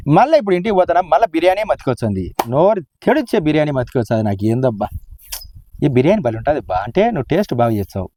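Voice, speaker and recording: A man's voice: on the high side, dark tone. Rambling rural man, teasing and dramatic. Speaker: husband in a village comedy skit. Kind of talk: comic rural banter. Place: outdoors, sitting on a rock.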